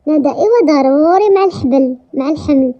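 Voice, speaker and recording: A woman's voice: high voice, animated, fast. A woman with a Moroccan accent voicing a playful, cheerful young dressmaker in a romance story. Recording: dull lo-fi recording.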